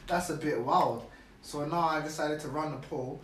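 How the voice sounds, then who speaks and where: A man's voice: on the high side, moderate pace. A young man with a London roadman accent, chatting casually in street slang. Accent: London roadman (Multicultural London English). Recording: echoey room, distant mic, faint noise.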